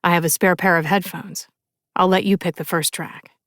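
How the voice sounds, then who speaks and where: Laid-back young rocker, read by a woman, calm and soft, dry close read. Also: on the low side, moderate pace, no echo, close to an everyday voice. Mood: easygoing. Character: young man, laid-back rock musician. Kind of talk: audiobook character voice.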